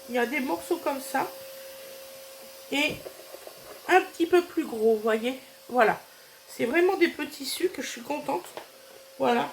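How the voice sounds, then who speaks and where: A woman's voice: high-pitched, a little hiss or hum. Woman with a stuffy cold, chatting. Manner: chatty, hesitant with many fillers. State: nasal, has a cold. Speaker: vlogger showing a grocery haul. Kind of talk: casual chatty haul vlog.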